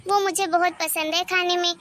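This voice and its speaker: A woman's voice: very high voice, flat delivery, fairly quick, a bit bright, a little hiss or hum. Woman voicing a homely, loving mother-in-law. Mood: affectionate. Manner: homely, affectionate, talkative. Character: stern-turned-loving middle-aged mother-in-law. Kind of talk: cartoon story voice acting.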